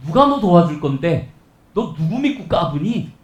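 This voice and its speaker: A haughty Assyrian king sneers at his rival in a mocking, offhand way, as a male preacher puts him on mid-sermon. His voice is high and swings widely in pitch. It rings through an echoey church hall. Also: big pitch swings, moderate pace. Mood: taunting. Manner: mocking, condescending, casual speech.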